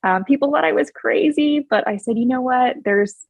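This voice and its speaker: A woman's voice: sits high, normal speed, gravelly, no room sound, narrow, tinny audio. Earnest upbeat woman, dry close sound. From Hawaii. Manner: earnest and upbeat, warm with frequent laughs. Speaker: podcast guest. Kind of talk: casual interview chat.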